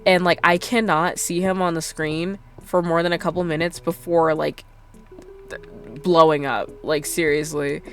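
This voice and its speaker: A woman's voice: low voice, fairly even intonation, normal speed, faint music behind. A young adult woman streaming a game, chatting casually and rambling with lots of fillers. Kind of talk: casual chat while gaming.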